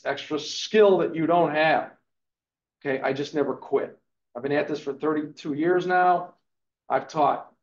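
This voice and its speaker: A man in his fifties with a highish, creaky voice gives a live class an emphatic, motivational real estate lecture, punctuating points with "okay." The recording is echoey and dull, with lo-fi sound.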